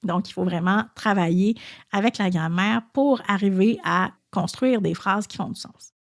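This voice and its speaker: A woman's voice: mid-range voice, moderate pace, gravelly. A woman with a Québécois French accent, a podcast host and French teacher, explaining at an easy pace and thinking aloud with frequent hesitations.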